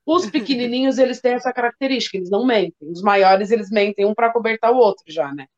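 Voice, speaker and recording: A woman's voice: fairly high pitch, fast, a little mellow. A woman who works as a school coordinator, chatting casually and animatedly acting out children's voices as she tells stories. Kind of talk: casual storytelling chat. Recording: dull lo-fi sound.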